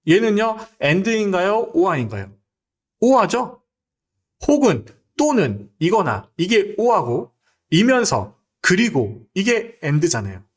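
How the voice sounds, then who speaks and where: A man teaching a spreadsheet exam lecture, talking straight to his viewers and keeping them involved with constant quick questions. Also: high voice. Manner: lively, rhetorical questions to viewers.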